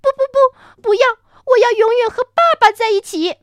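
Woman doing a sweet squeaky baby dinosaur. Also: sing-song, measured pace, no room sound, full character voice. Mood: pleading. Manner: high bright childlike calling. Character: small sweet baby ankylosaurus, trusting and clingy. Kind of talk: storytelling performance.

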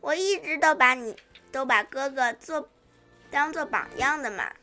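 A woman's voice: sits high, normal speed, over music, close to an everyday voice. A woman reading a children's storybook, voicing an earnest, admiring little male anteater brother.

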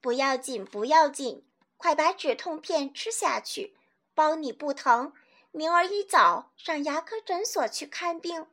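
A woman voicing a kind, forgetful, hard-of-hearing old grandmother, speaking gently and softly. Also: high voice, animated, unhurried. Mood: soft, soothing. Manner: gentle, soothing, soft-spoken.

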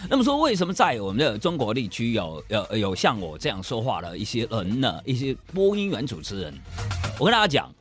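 A man's voice: mid-range voice, wildly swooping pitch, a little fast, a bit bright, faint music behind. A male comedy show host delivering a playful, mimicking stand-up monologue.

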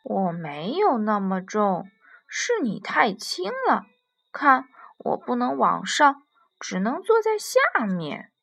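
A woman voicing a big, gentle male giraffe who talks in an earnest, insistent way in a storybook. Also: mid-range voice, big pitch swings, slow pace, vocal fry, exaggerated voice.

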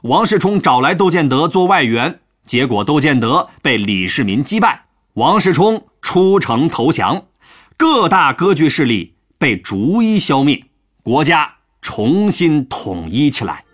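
A man's voice: on the high side, big pitch swings, measured pace, fairly bright tone. A man telling a history lesson as a chatty, playful story. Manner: chatty, playful, with sentence-final particles.

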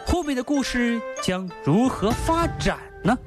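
Animated male radio storyteller. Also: very high-pitched, a little slow. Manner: colloquial, rhetorical questions. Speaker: radio show co-host. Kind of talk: lively storytelling commentary on a classic novel. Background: faint music.

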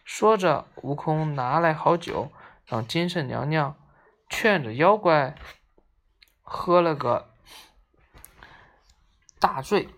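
A storyteller reads a classic tale for children with lively, expressive narration. The voice is gravelly, with plenty of fry. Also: mid-range voice, slow pace, pauses often.

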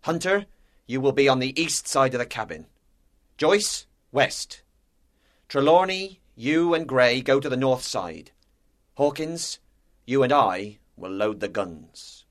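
A man's voice: medium pitch, expressive, slow pace, pitched above the performer's own voice. A man voicing a stern, resolute ship's captain in storybook dialogue, authoritative and giving clipped orders. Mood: commanding.

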